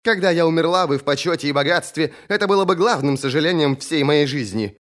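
A man reading an audiobook, voicing a fierce, sharp-tongued young woman warrior who speaks bluntly and mockingly. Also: fairly high pitch, fast talker, voice pushed up, close to an everyday voice. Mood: teasing. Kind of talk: audiobook character voice.

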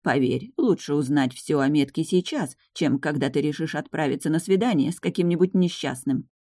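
A woman reading the part of a stern old grandmother who is a powerful high witch, speaking slowly and with command. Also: expressive, warm tone, dry recording, clean studio sound. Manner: slow, measured, commanding.

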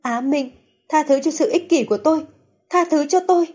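A heartbroken middle-aged mother pleads through tears, her voice climbing high with desperation, as a woman narrator acts her out. The tone is dark and mellow, and heavily breathy. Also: normal speed. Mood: guilty pleading.

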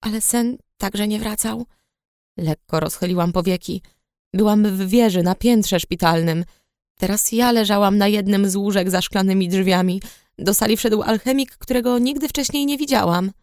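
A woman reading a novel aloud in first person, in a subdued, low-key storytelling manner. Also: normal speed, darkish tone, no echo, studio quality. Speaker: audiobook reader. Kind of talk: first-person scripted narration.

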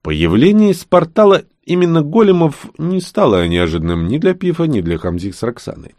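A man narrating a fantasy audiobook with an expressive, dramatic reading. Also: on the high side, fairly quick, no echo, studio quality.

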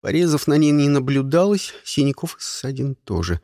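Male audiobook narrator, first person, sardonic, animated delivery, dry close mic. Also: mid-range voice, moderate pace, no echo. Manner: wry, sardonic storytelling.

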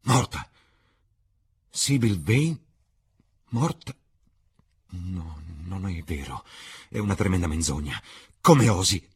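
A man with a husky voice voicing an impulsive, anguished young man in an audiobook reading, sobbing and crying out in despair. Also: deep voice, very animated, drawn-out words, long pauses, exaggerated voice. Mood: distraught. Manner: cries out, breaking into sobs.

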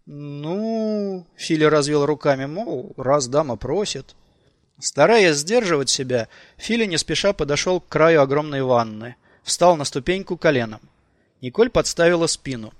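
A man narrating an audiobook in an expressive, lively way. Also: fairly high pitch, normal speed, no room sound, clean studio sound.

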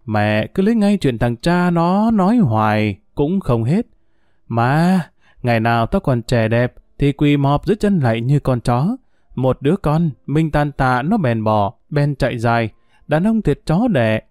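A bitter older woman, drunk and cursing, drawls her grievances in a slow, coarse grumble, voiced by a male reader. The sound is dry and close, in a storybook reading. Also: mid-range voice, lively intonation, darkish tone, no room sound, close to an everyday voice. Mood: resentful.

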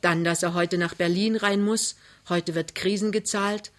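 Calm, low-voiced woman reading a novel. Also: measured pace. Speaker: reader. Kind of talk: literary reading.

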